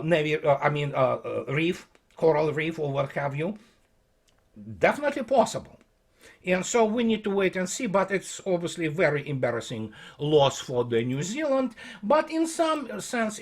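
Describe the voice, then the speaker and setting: A man holds forth in a loose commentary monologue, sarcastic and rambling, tripping over restarts and fillers. His voice is slightly husky and sits fairly high, swinging widely in pitch as he goes. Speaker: channel host.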